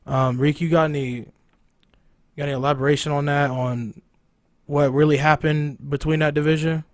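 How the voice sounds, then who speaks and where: A man's voice: on the high side, flat delivery, moderate pace, no echo, studio quality. A man hosting a local sports talk show in a casual, conversational style. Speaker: host of a local high school sports show.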